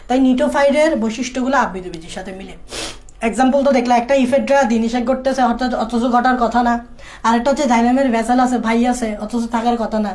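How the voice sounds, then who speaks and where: A woman's voice: fairly high pitch, a little mellow. A woman tutoring biology for exams in a casual lecture, repeating key points and checking that students follow. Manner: repetitive, drilling key points. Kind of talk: exam-prep lecture.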